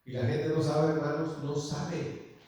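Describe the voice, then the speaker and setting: A man preaches an earnest sermon, calling out to his brothers and pausing over filler words. His mid-pitched voice rings through a church hall with long, heavy reverb. He stands some distance from the mic. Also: flat delivery, dark tone. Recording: echoey hall, mic far off.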